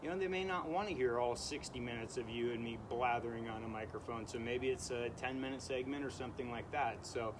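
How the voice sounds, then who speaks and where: A man's voice: mid-range voice, fairly quick, few pauses. A man hosting a casual podcast, talking at length in a rambling way. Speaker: podcast host. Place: outdoors in a backyard at night. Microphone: studio microphone on a stand. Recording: noisy outdoor backyard recording.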